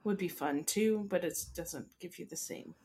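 A woman's voice: lowish voice, moderate pace, dark tone, slightly rough. A young woman from Canada co-hosting a podcast in casual chat, giggly and playful. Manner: chatty, giggly, playful with French words. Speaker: podcast co-host.

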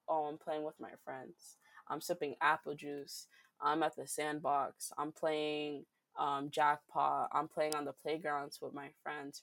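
A woman's voice: low voice, vocal fry, no echo. A teenage girl from Rhode Island, a youth activist guest, answering interview questions earnestly and retelling conversations with friends. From Rhode Island, USA. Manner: earnest, storytelling, quotes friends in lively voices.

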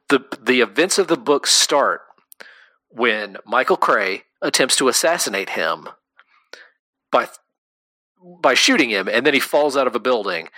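Man, casual podcast co-host, bright forward voice, dry close sound, animated and full of fillers. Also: medium pitch, no room sound. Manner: animated, quick bursts, many fillers. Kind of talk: casual chat.

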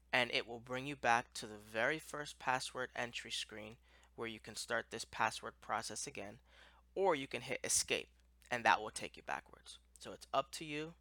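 Guy walking you through software steps, plain talk, bright voice, no room echo. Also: mid-range voice. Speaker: instructor. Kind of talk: explanatory software walkthrough.

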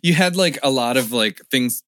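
A man's voice: medium pitch, moderate pace, dry recording. A man in casual podcast chat, mostly giving short agreeing replies and laughing along. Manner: relaxed backchanneling with short agreeing words and laughs. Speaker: podcast co-host.

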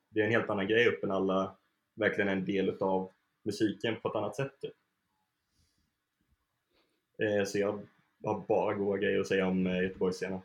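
A man's voice: low voice, gravelly, echoey room. A young man from Sweden, a band member being interviewed, talking casually with lots of fillers and easy laughter. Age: young adult. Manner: relaxed, laughs often, many fillers.

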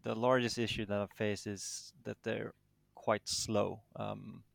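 A man's voice: fairly low pitch, level tone, slow pace, creaky, no room sound. A man with a Danish accent answering interview questions casually, in a modest, hesitant manner. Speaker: interviewed tournament champion.

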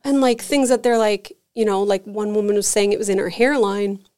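On a podcast, a woman who heads an energy healing center tells animated stories in a casual, talkative way loaded with "like." Her voice is mid-range, clear, and resonant, and she speaks briskly.

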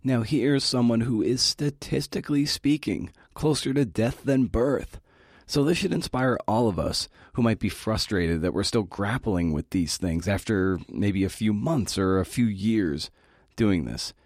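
A middle-aged podcast host with a low, darkish voice gives a prepared talk at an unhurried pace, dropping in casual asides with a folksy, encouraging manner. The recording is close and dry, with no room sound.

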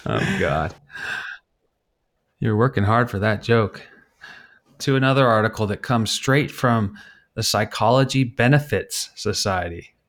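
A man's voice: lowish voice, expressive, unhurried, pauses often, a bit bright. A middle-aged man co-hosting a podcast in casual comedic chat, teasing his friend while reading articles aloud. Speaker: podcast co-host.

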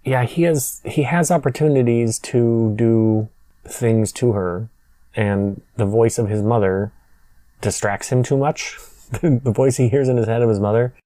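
Wry, laughing man with a dark voice. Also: mid-range voice, unhurried, no echo. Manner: wry, laughs often while recapping scenes. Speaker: podcast co-host. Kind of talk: casual movie review chat.

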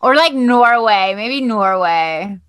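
A woman co-hosting a casual podcast, chatty and playful, with "like" sprinkled through her guesses. Her voice is bright and clear, and her pitch moves a lot even as she talks slowly. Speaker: podcast co-host. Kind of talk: casual chat.

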